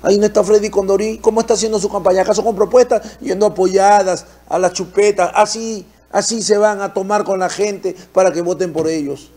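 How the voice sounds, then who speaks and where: Brief: high-pitched Peruvian male opinion host, indignant, fond of rhetorical questions. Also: fairly even intonation, a little fast, hardly any pauses, warm tone. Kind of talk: political commentary.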